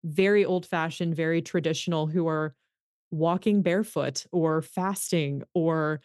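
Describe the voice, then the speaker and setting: Smooth-voiced woman host, dry close sound. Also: low-pitched, steady tone, unhurried, darkish tone, dry recording. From United States. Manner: earnest, curious. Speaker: podcast host. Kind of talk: interview questions, conversational.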